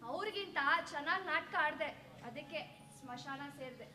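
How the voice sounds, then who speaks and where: A woman's voice: high-pitched, expressive, moderate pace, bright, forceful tone, a little hiss or hum. A woman acting the spirit of a dead young wife in a stage drama, speaking in a bitter, cutting, reproachful way. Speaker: stage actor. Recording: echoey stage sound.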